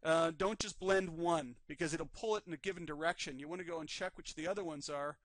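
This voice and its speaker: A man teaching a live 3D rigging class, calmly narrating each step on screen while his voice is slightly worn. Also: a little high, fairly quick, no echo. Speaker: 3D rigging instructor. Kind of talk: live screen-recorded software tutorial.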